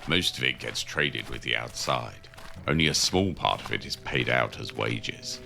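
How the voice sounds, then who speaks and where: A man playing a seasoned, cynical prison inmate in an audio drama, gravelly and matter-of-fact as he advises a newcomer. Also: a bass voice, unhurried, bright, forceful tone, heavily acted. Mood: matter-of-fact, advising. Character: gruff, seasoned male convict guiding a newcomer, worldly and cynical. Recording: music under the voice.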